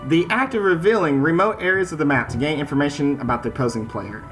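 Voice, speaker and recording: This American gaming host has a fairly bright voice on the high side and talks quickly. Between reading game text aloud and casual commentary, he stays informal, stammering and repeating words, with music playing underneath.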